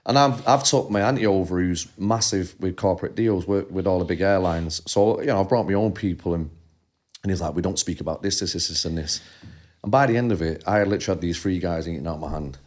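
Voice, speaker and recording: A man's voice: deep voice, quick pace, a little mellow. A man co-hosting a podcast, chatting casually and telling stories about his past. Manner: laid-back storyteller, drops into quoted voices. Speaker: podcast co-host. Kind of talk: casual chat.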